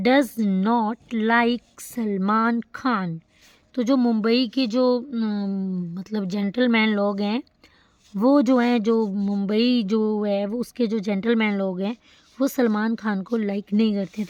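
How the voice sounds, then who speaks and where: A woman teacher giving a grammar lesson, explaining in Hindi and reading English example sentences slowly and carefully. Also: medium pitch, darkish tone, no room sound, muffled recording.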